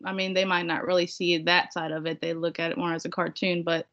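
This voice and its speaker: A young adult woman who speaks Spanish natively joins a seminar as a guest on a video call from an indoor room, chatting casually and a bit hesitantly. Her lowish, slightly bright voice is flat and a little fast, and the call audio sounds dull and lo-fi.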